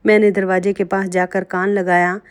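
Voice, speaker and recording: A woman narrates a dramatic first-person story in an emotional storytelling manner. She speaks directly to her listeners, at an everyday medium pitch. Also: flat delivery, normal speed, clear, resonant tone. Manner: emotional, addresses listeners as friends.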